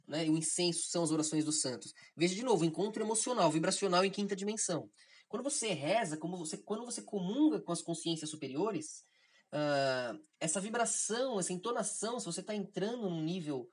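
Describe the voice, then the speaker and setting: A woman's voice: fairly low pitch, a little mellow, slightly rough. A woman with a Brazilian accent giving an informal spiritual lesson, rambling and checking in with tag questions. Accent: Brazilian Portuguese. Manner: digressive, constantly adds "né?" tag questions. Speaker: spiritual teacher of an episode series.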